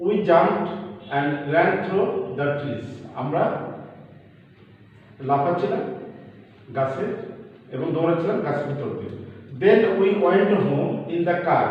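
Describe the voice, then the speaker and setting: A man with a Bangladeshi accent teaching an English lesson, explaining words slowly and spelling them out letter by letter. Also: fairly high pitch, lively intonation. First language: Bengali. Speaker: assistant teacher. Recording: echoey hall, far from the mic, dull.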